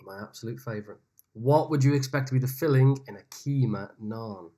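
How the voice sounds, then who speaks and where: A man's voice: mid-range voice, fairly quick, dark tone. A man hosting an online pub quiz over a video call, reading each question twice with chatty asides. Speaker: quiz host.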